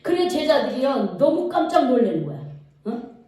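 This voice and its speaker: High-voiced lady preacher, warm tone, keeps asking the congregation questions, distant mic in a big echoey hall. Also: moderate pace. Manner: lively storytelling, quizzing the congregation. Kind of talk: sermon. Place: church sanctuary.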